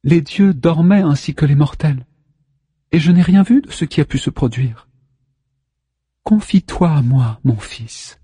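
A man voicing a grieving sea goddess mother who speaks softly, consoling and lamenting her son. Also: fairly high pitch, lively intonation, unhurried, long pauses, breathy edge, dry recording, big-room sound, voice pushed up. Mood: tender.

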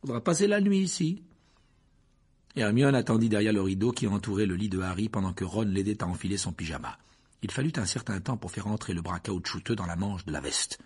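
A man reading a story aloud as an audiobook narrator, expressive and voicing the characters. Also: low-pitched, quick pace, husky.

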